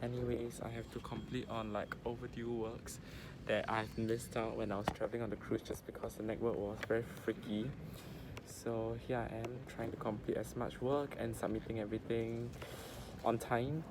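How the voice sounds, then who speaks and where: Male travel vlogger, medium pitch, rambling informal chat, recorded in a noisy airport waiting area. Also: flat delivery, moderate pace. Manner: rambling, informal, frequent 'like' filler. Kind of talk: casual travel vlog chat. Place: airport boarding gate seating. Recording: clear background noise of airport.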